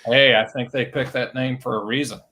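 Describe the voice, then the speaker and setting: A man's voice: medium pitch, steady tone, fairly quick, pushed and bright, a little hiss or hum. Enthusiastic male cruise guest. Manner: enthusiastic, repeats words when starting. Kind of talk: casual webcast chat.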